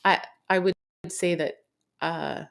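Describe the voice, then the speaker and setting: Low, gravelly woman with a dry tease. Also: fairly even intonation, slow pace. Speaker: podcast co-host. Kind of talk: casual chat.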